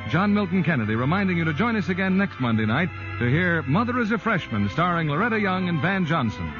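A man's voice: fairly high pitch, sing-song, quick pace, highs cut off, over loud music. A man announcing in a formal, clipped 1940s radio style, heard as an old radio broadcast. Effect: old 1940s radio broadcast sound.

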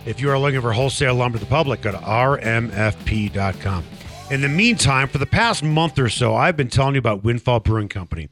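A man's voice: medium pitch, lively intonation, fast, a bit bright, faint music behind. A man hosting a sports radio show in the studio, chatty and enthusiastic, also reading sponsor spots. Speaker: radio talk show host. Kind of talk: casual studio chat.

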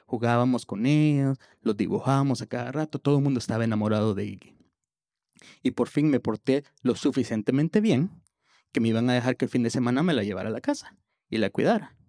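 A man telling a personal story on stage in a lively way, often stumbling over repeated words as he restarts. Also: medium pitch, dry recording, studio quality. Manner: animated, with stammered restarts.

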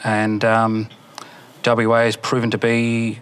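A man giving political commentary in a flat, wry manner. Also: fairly low pitch, slow pace, clean tone. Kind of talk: studio commentary.

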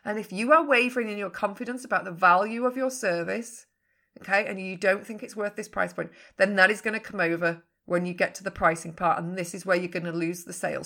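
A woman's voice: mid-range voice, fairly bright tone. A woman business coach giving a frank, emphatic podcast talk, swearing casually now and then. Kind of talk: podcast teaching monologue.

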